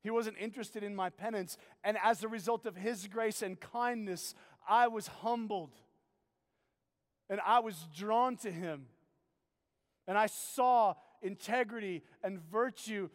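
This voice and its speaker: A man preaching a sermon, telling a story with animated energy and then asking quiet, earnest questions. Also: high voice, a little slow. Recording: long hall reverb.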